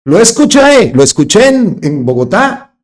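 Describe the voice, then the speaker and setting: Running his own political commentary channel online, a man from Colombia speaks in a high, sing-song voice at a measured pace. He's emphatic, stressing ideas by saying phrases more than once.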